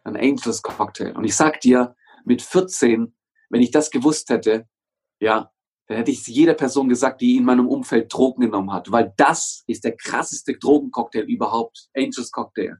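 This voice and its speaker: A man's voice: mid-range voice, moderate pace, a little mellow, husky. A young man as an interview guest and motivational coach, talking with energy, swearing often and driving his points home by repeating them. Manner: emphatic, swears often, hammers phrases through repetition.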